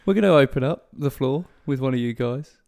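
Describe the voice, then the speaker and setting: A man co-hosting a casual podcast from a guest's home, chatty and jokey with quick asides. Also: medium pitch, lively intonation, gravelly, darkish tone. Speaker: podcast co-host.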